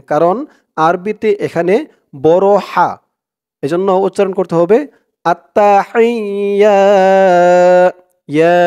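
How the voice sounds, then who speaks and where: A man teaching an Arabic prayer word by word, drawing out each word slowly and explaining its pronunciation patiently to viewers. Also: sits high, a little mellow. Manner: slow, drawn-out recitation of each word, then quick explanations; addresses viewers directly, patient instructive tone. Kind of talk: recitation lesson, word-by-word pronunciation drill.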